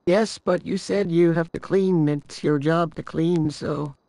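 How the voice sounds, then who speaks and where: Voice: medium pitch, fairly even intonation, unhurried, dark tone, no room sound, close to an everyday voice. A young person faking an old voice to play a cranky, litigious elderly granny in an improvised game role-play, plaintive and fussy. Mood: haughty, argumentative.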